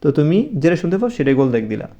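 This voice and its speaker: Brief: man, children's tutor, quick delivery, slightly high voice, patient, keeps checking with "okay?". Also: expressive, warm tone, dull audio. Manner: repeats numbers patiently, checks understanding with "okay?". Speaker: English tutor for young pupils. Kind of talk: casual spoken lesson.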